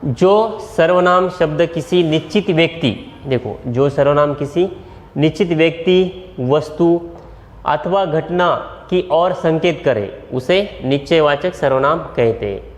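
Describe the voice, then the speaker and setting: A male school teacher with a Marathi accent, giving a grammar lesson and repeating each example slowly, step by step. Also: fairly high pitch. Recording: echoey room with long reverb.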